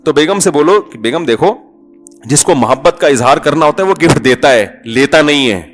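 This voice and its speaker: A man's voice: on the high side, animated, faint music behind. A male Islamic preacher giving a conversational sermon. He jokes, asks the listeners rhetorical questions and acts out small everyday dialogues.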